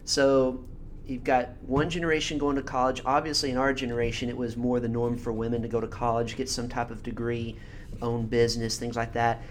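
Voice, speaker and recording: A man's voice: medium pitch, little pitch movement, fairly quick, a little hiss or hum. A man hosting a podcast who speaks reflectively, thinking aloud and adding frequent murmured agreement while his guest talks. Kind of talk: casual podcast conversation.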